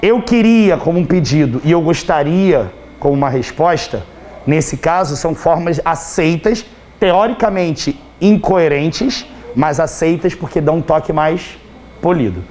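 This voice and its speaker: A man with a Brazilian Portuguese accent teaching grammar in a live class, chatty and teasing, constantly checking whether students understood, his voice slightly hoarse. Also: a little high, animated, unhurried, darkish tone, slight background noise.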